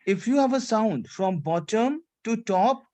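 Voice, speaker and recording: A language teacher drilling French pronunciation in English with French phrases mixed in. The delivery is repetitive and insistent, asking "clear?" after nearly every point. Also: medium pitch, expressive, measured pace, mellow. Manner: repeats phrases, checks understanding with "C'est clair? D'accord?"; mixes English with French phrases and a little Hindi. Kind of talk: online language class.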